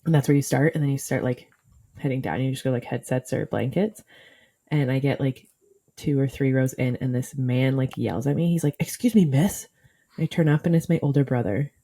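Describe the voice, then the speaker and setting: Low, mellow-voiced young woman. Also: brisk. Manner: chatty storyteller, many "like" fillers. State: sick, coughing. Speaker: podcast co-host. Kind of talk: casual chat.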